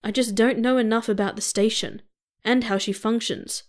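A woman's voice: fairly high pitch, steady tone, normal speed, natural voice. A woman voicing a cool-headed Martian first officer. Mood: dry.

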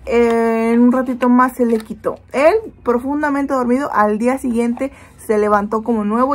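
A woman's voice: a little high, slight background noise. A woman, chatting in a casual product review and telling stories animatedly with many fillers. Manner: animated storytelling with lots of fillers. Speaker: beauty product vlogger.

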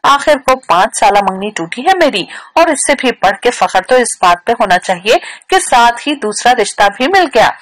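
Brief: woman reading a bitter, reproachful young woman, high, animated, audiobook. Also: normal speed, hardly any pauses, rough recording. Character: young woman, upset, hurt fiancée.

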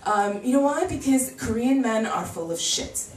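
Her voice sits a little high and moves at a normal pace, with slight background noise. She's an American woman in her thirties, animated and chatty on stage at a small bar comedy club, putting on voices for quotes. A far-off camera catches her handheld mic in an echoey room.

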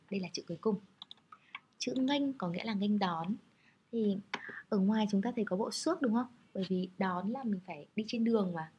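A woman's voice: mid-range voice, muffled recording, slight background noise. A woman teaching Japanese characters, explaining patiently in a friendly, step-by-step way. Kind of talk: explaining lesson over slides.

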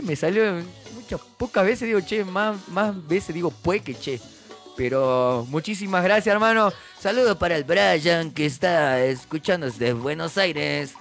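A man's voice: high-pitched, a bit bright. A man with a Salta Argentine accent, chatting casually on a live stream, reading out viewer comments and greeting people with jokes. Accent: Salta Argentine Spanish. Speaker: musician hosting a live stream.

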